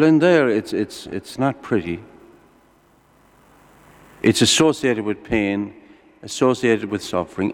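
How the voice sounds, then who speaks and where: Lilting male preacher, deep voice, echoing hall. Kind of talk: sermon with storytelling and everyday examples. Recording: echoey hall with long reverb.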